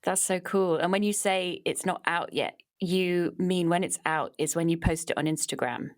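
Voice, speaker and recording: A woman hosting a podcast, reading a scripted introduction and then interviewing a guest in a measured, thoughtful way. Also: fairly low pitch, no room sound. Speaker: podcast host.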